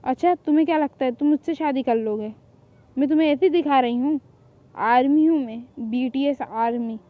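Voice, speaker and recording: A woman's voice: high voice, normal speed, phone-quality sound, lightly acted. A woman voicing a feisty young woman who is a devoted boy-band fan, talking in a scolding, defiant way in a hobby fan drama.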